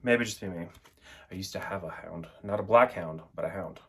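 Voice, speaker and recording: Reviewing an oracle deck, a young vlogger chats and rambles in a low, fairly quick voice with a fairly bright, slightly rough tone. Filler words, especially "like" and "um," come up constantly.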